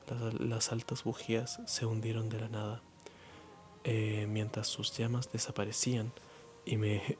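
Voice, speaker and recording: A man from Chile giving a soft ASMR reading, halting and stumbling with many restarts, his throat strained and muffled. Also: a little hiss or hum. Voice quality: low-energy, muted voice. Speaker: ASMR reader.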